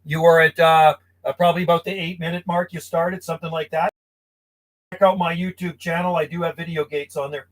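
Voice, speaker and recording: A man's voice: on the high side, level tone, brisk, a little hiss or hum, rough recording. A man chatting casually as a CB radio operator and host, talking in a friendly buddy-to-buddy way from a small radio shack. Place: small insulated radio shack outdoors from the house.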